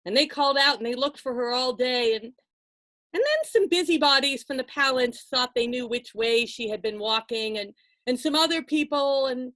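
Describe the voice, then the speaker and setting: Here a female narrator whose voice sits high tells listeners a folktale, animated and casual, with dramatic pauses and asides woven in. No room sound can be heard.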